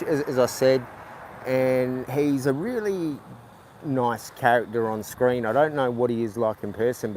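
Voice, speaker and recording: Casting note: a man streaming from a street market on his phone, halting, chatty, mid-pitched, faint street noise behind. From New Zealand. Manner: rambling, halting, with many restarts. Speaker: livestreaming vlogger. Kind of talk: casual live-stream chat. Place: outdoors at a night market.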